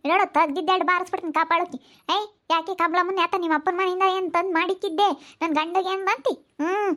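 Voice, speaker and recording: A woman doing a scolding village wife, very high voice, rapid delivery. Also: a bit bright. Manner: scolding, quick and combative. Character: sharp-tongued village wife, quarrelsome and loud. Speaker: village wife in a family quarrel. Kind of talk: rural village comedy-drama.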